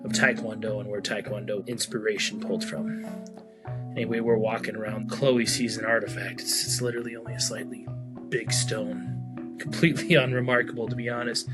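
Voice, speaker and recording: A man casually telling a travel story, animated and laughing between lines. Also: fairly low pitch, a little fast, over loud music. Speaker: co-host.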